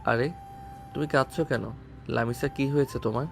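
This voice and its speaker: An actor with a Bengali accent playing a devoted young husband who speaks softly and earnestly in an audio story. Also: male voice, medium pitch, steady tone, moderate pace, gravelly, faint music behind, natural voice. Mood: soothing. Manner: soft, earnest and tender.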